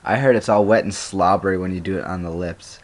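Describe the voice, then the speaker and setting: Small smart schoolboy, eager and mocking, pitched up; a man reading his story. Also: quick pace, close to an everyday voice. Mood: teasing. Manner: excited, teasing.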